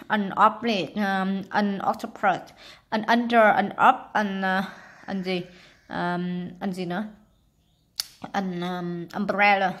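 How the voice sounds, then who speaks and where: A woman with a Vietnamese accent, patiently explaining English worksheet exercises to young children and spelling words out letter by letter. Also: medium pitch. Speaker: primary school English teacher.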